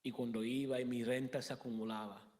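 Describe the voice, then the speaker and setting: A man in his thirties giving a halting personal testimony in a church interview, often restarting and slipping in English words. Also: mid-range voice, little pitch movement, darkish tone, long reverb tail.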